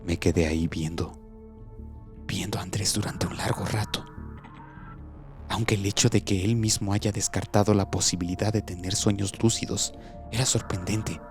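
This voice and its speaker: A man narrating a scripted horror story as a doctor, in a slow, measured, hushed delivery. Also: lowish voice, fairly even intonation. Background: background music.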